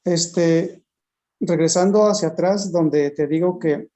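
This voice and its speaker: A speaker recounting personal experiences slowly, in a halting way, retelling conversations. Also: medium pitch, warm tone. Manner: unhurried, halting, retells dialogues. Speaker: interviewee. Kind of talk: slow storytelling testimony.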